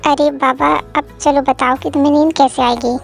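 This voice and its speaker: A woman's voice: high-pitched, fairly even intonation, normal speed, vocal fry, soft background music. A woman doing a sleepy grumbling young husband. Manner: tired, grumbling, exasperated. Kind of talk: Hindi fan audio drama.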